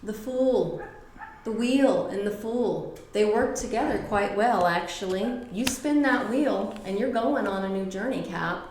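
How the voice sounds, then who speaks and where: A woman's voice: mid-range voice, a little slow, darkish tone, echoey room, slight background noise, low-quality recording. A middle-aged woman giving a casual tarot reading, blunt and profane, with emphatic repetitions. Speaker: tarot reader.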